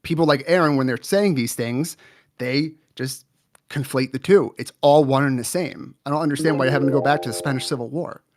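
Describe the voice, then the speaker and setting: A man's voice: mid-range voice, fairly quick. A man in his thirties debating bluntly, with profane, dismissive pushback. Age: 30s. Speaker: debate guest. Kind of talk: heated online debate.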